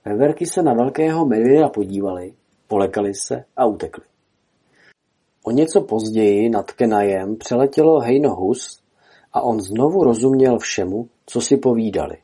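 A man reading a storybook aloud as narrator, telling it dramatically in a husky voice. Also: medium pitch, lively intonation, mellow.

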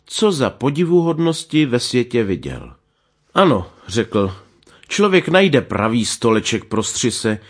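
A man reads an old fairy tale aloud in an animated storyteller's voice. His pitch sits a little high and swings widely as he marks each character with small changes of voice.

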